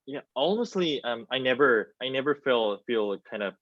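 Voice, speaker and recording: A South Korean theater student in his twenties speaks Korean-accented, non-native English on a video call, giving a hesitant, halting answer in an online panel discussion and repeating phrases often. His medium-pitched voice has lively intonation; he's in a small plain indoor room using wireless earbuds, and the dry recording has muffled video-call audio.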